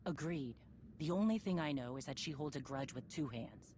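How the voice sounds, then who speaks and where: In this scripted game cutscene, a woman with a deep, slightly mellow voice plays a resolute former bounty hunter turned warrior leader. She gives terse orders at normal speed with lively intonation, her mood grave and determined. No background noise or ambience intrudes on the clean recording.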